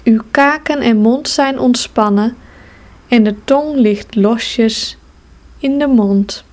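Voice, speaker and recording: A woman calmly leading a guided progressive muscle relaxation exercise, speaking soft, soothing instructions with long pauses. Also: a little high.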